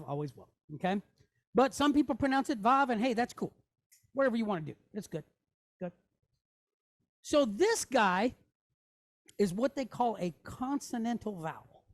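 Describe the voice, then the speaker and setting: A woman leads a class at the board, and her bright, high voice jumps around a lot. She talks in a folksy, animated way and keeps checking in with her listeners. The sound is close and dry, with almost no room echo. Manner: animated, folksy, repeats "okay?" often. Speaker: Hebrew teacher.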